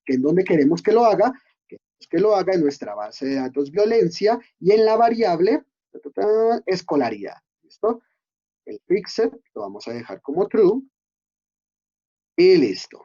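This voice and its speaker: A man's voice: sits high, dark tone, breathy edge, muffled recording. A man giving a screen-recorded coding lesson, explaining step by step and often checking in with his students. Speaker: instructor.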